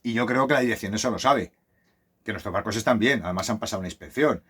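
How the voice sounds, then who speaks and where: A man's voice: on the low side, quick pace, fairly bright tone, breathy edge. A man who lives on a sailboat tells a casual, rambling story with many restarts, recorded on a phone. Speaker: vlogger living on a sailboat. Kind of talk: casual monologue.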